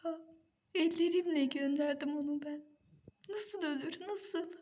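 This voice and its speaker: A woman's voice: sits high, measured pace, a little mellow. A woman voicing a distraught young woman who mourns a lost uncle with repeated questions. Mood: grieving.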